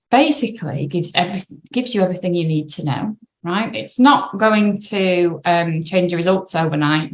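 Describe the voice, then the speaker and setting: A British woman, a business coach, talking casually on a live stream and reading an article aloud, often checking in with "right?". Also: mid-range voice. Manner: chatty, checks in with "right?" and "all right?".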